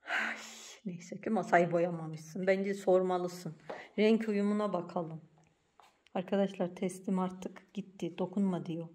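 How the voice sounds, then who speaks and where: A woman hosting a casual home vlog, talking to viewers and her daughter in an animated, exclamatory way, with a playful scolding tone. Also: lowish voice, a little slow. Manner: switches to a cooing baby voice for the cat. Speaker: vlog host and mother. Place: home indoors.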